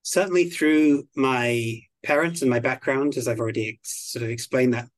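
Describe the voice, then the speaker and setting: A man from the United Kingdom being interviewed as a guest on a podcast, speaking in a measured, articulate way. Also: medium pitch, no echo. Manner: measured, articulate, slow and deliberate. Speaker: guest expert on biodiversity.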